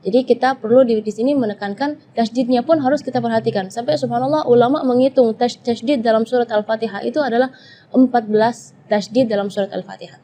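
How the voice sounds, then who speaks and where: A woman's voice: on the high side, fairly even intonation, fast, dark tone, a little hiss or hum. A woman with an Indonesian accent explaining Quran recitation rules in a tajwid lesson, hesitating often with filler sounds. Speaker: Quran reading teacher.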